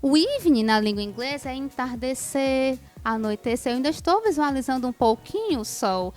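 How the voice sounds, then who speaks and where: A woman, an English teacher answering interview questions in a clear, patient, teacherly manner. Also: sits high, lively intonation, moderate pace, a little mellow, faint music behind. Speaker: English teacher, show guest.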